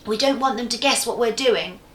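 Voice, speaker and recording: A woman's voice: a little high, a little fast, fairly bright tone, lightly acted. A woman voicing a sensible young boy who speaks earnestly in a storybook reading, in an echoey room.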